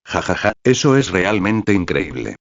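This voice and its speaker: Kind expedition leader, read by a deep-voiced man. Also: sing-song, measured pace, vocal fry, no echo, dull audio, heavily acted. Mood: gentle.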